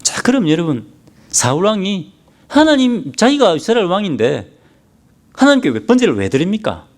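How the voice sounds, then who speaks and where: An emphatic male pastor delivers a sermon in a fairly high voice. His pitch rises and falls widely as he presses his points. He keeps turning to the congregation with rhetorical questions. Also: very animated, moderate pace.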